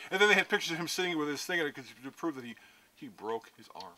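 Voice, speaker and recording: A man's voice: on the high side, lively intonation, fast talker, sharp tone. A man co-hosting a casual wrestling news show, rambling through the stories and repeating himself. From United States. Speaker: co-host reading wrestling news. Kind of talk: casual news rundown and banter.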